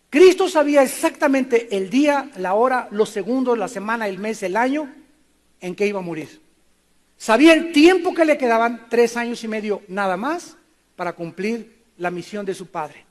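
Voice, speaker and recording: High-voiced impassioned male preacher. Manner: impassioned, swings between loud declamation and hushed lines. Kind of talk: sermon. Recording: long hall reverb.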